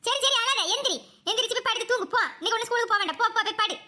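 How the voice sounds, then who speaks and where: A woman voicing a strict mother in a comedy cartoon, scolding with short brisk commands. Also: extremely high pitch, pushed and bright, a little hiss or hum, heavily acted.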